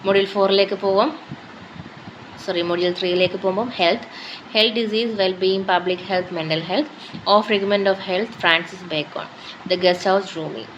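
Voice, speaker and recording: A woman's voice: mid-range voice, steady tone, moderate pace, muffled recording, a little hiss or hum. A woman with a Malayali accent reading out a course syllabus as a list of topics, in short phrases that switch between English and Malayalam. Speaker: teacher going through a syllabus.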